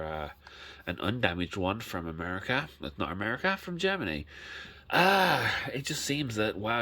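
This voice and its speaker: Deep-voiced rambling man. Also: fairly bright tone. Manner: rambling, self-correcting. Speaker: collector showing his collection. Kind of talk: casual collection showcase.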